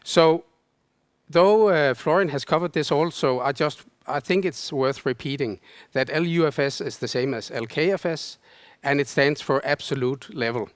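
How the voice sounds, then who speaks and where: A man presenting a technical lecture, explaining in a measured way. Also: on the high side, no room sound, studio quality. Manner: explanatory, measured, casual fillers. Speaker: conference presenter.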